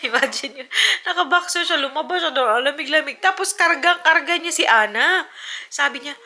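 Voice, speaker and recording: A woman from the Philippines, a mother and vlogger, telling a story in a chatty, animated way to her camera at home. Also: high-pitched, normal speed. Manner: chatty, animated retelling with acted-out quotes. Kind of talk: casual vlog storytelling. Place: home indoors. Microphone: camera mic. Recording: home video with noticeable background noise.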